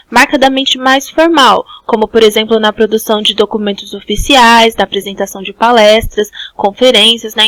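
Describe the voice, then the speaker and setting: A woman's voice: a little high, a bit bright, no echo, rough recording. A Brazilian woman teaching a school language class, explaining step by step and often checking in with "né?". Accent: Brazilian Portuguese. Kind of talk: online class lecture.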